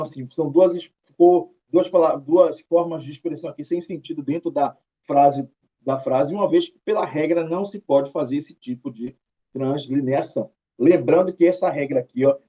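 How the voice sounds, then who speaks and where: Chatty Brazilian male teacher, dull sound. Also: fairly high pitch. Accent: Brazilian Portuguese. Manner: chatty, drawing out tag questions, mildly scolding. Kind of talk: recorded writing lesson, talking students through examples on screen.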